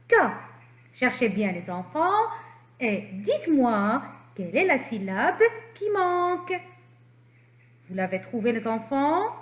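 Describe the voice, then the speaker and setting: A woman's voice: a little high, roomy sound. A woman teaching young children to read, in an encouraging manner, drawing out each syllable. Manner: animated, encouraging, drawn-out syllables. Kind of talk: slow reading lesson for young children.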